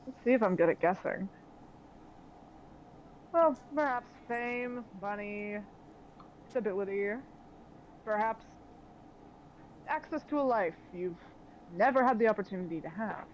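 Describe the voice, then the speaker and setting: A woman's voice: medium pitch, expressive, measured pace, long pauses, lo-fi sound, slight background noise, natural voice. Woman playing a suave scheming man. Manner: smooth, theatrical, mock-polite. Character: suave scheming man bargaining over god shards. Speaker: game master.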